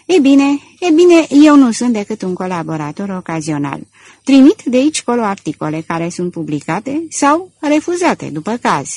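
A woman reading an audiobook, voicing a calm, courteous young male student with a husky voice. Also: mid-range voice. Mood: polite. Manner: calm, courteous, quietly amused. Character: bright young male student, politely cheeky and unflappable.

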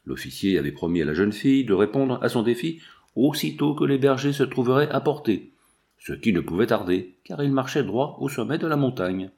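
A man narrating an adventure novel in a steady, measured audiobook reading. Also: mid-range voice.

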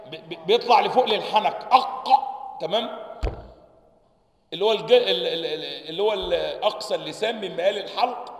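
A high-pitched man with an Egyptian accent gives a religious lesson, reading a classical text and explaining each letter's point of articulation. He sounds out the letters himself and keeps asking his listeners whether they follow. The voice rings with the long reverb of a big, echoey hall. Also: quick pace, a little hiss or hum. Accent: Egyptian Arabic. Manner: checks understanding with repeated questions; demonstrates letter sounds aloud. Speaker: sheikh teaching Quran sciences.

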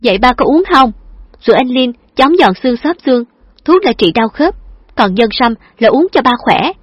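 A bubbly, teasing young woman, put on by a female storyteller in an audiobook, raised high and chirpy with a coaxing, affectionate lilt. The recording is dull and lo-fi, close and completely dry. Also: expressive, normal speed, breathy edge, no echo.

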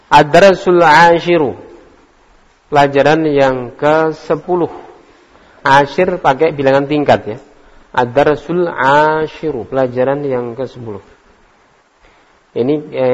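Slow-speaking man teaching an Arabic class. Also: mid-range voice, steady tone. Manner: calls on students by name, quizzes and corrects them. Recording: echoey hall, dull lo-fi recording.

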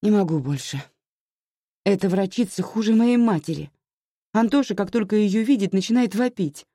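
A woman reading a story aloud, voicing an exhausted young mother who pleads and then shouts in distress. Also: medium pitch, normal speed, no echo, pitched above the performer's own voice, lightly acted. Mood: aggrieved.

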